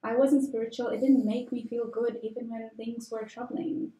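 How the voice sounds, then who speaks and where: A woman's voice: fairly high pitch, flat delivery, moderate pace, warm tone. A young woman from Tanzania, a guest telling her personal story in a candid, conversational way with frequent fillers. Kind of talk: conversational interview. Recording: echoey room.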